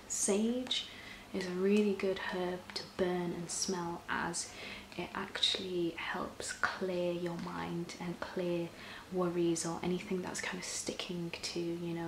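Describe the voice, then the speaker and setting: A woman performs an ASMR role-play as a personal shopper. Her voice is soft, breathy and fairly low, slipping in and out of a soft voice as she gently explains. The room echoes around her, with clear noise behind. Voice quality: soft-spoken, often breathy and soft-spoken. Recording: roomy echo, clear background noise.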